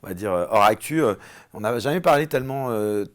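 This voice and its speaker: Low-pitched guy hosting, halting questions full of ums. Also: animated. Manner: hesitant, many fillers. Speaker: host. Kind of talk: casual interview questions.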